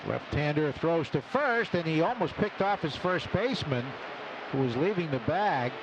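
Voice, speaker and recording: Clipped phrases and statistical asides mark this live radio baseball play-by-play, delivered by a man with a fairly high, expressive voice at a moderate pace. Broadcasting from the ballpark booth, he's backed by loud stadium noise and clear ballpark ambience.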